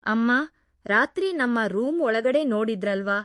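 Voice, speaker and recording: A soft, caring young housemaid, as a woman narrator puts her on, pitched a little higher than the storyteller's own voice. She soothes and pleads gently, always coaxing. The recording is dry and close, with no room sound. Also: expressive, a little slow, no room sound. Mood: pleading.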